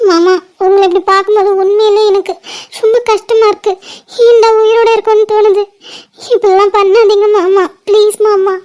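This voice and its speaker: A lovesick young woman in a homemade cartoon, voiced by a woman, pleading through tears in a very high, thin voice. Her pitch barely moves, flat and stuck up high, with a soft, dark tone rather than a sharp one. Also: moderate pace. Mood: tearful pleading. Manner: pleading, weepy.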